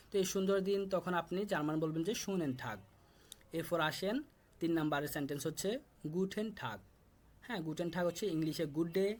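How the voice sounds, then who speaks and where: A young man from Bangladesh teaching a live online class, patiently repeating words slowly for pronunciation. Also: on the high side. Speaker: German language teacher.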